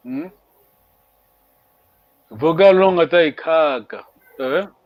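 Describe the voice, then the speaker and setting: A man teaching an online language lesson, patiently repeating words slowly for his students. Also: fairly high pitch, expressive, no echo, highs cut off.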